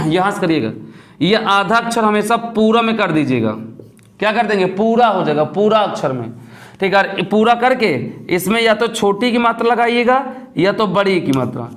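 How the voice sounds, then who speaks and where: A male teacher with a fairly high voice runs a classroom grammar lesson. He keeps asking questions and answering them himself, talking steadily through each example. The room has a clear echo. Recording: echoey room.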